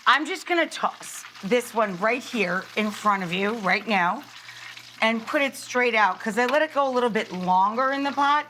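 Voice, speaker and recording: Woman, middle-aged, cooking show host, chatty and enthusiastic, unhurried delivery, slightly high voice. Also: pushed and bright, slight background noise. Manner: chatty, enthusiastic, talks to the viewers. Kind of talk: casual cooking demonstration. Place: studio kitchen.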